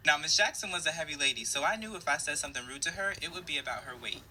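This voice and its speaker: A man's voice: fairly high pitch, rapid-fire, bright, forceful tone, husky, low-quality recording. A man telling a story from his school days to camera in a sassy, playful way.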